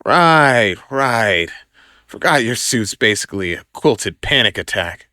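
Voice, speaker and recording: A man voicing a cocky, quick-witted young superhero who trades sarcastic banter in an audio comic. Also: lowish voice, lively intonation, pushed and bright, no echo, clean studio sound, exaggerated voice. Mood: flustered, joking. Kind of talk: audio comic drama acting.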